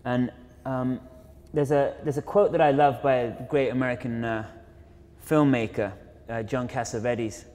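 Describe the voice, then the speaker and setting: A man's voice: medium pitch, fairly even intonation, unhurried, a little mellow. Reflective man lecturing in a reverberant hall. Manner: reflective, many fillers and self-corrections. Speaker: photographer and filmmaker giving a lecture. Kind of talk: informal illustrated talk. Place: university art auditorium.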